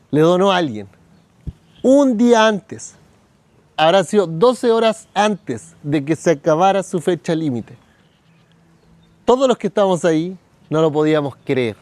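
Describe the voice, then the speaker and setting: A man's voice: fairly high pitch, darkish tone, no echo. A man, preaching a sermon at a church service and telling a personal story in which he acts out other people's words. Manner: storytelling, acts out quoted voices. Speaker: pastor.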